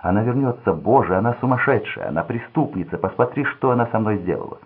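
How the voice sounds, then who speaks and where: A man voicing a young man who has just been blinded, sobbing and pleading for help, with a husky voice on a tinny, phone-like recording. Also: on the low side, animated, fast talker, voice pushed up. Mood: sobbing panic.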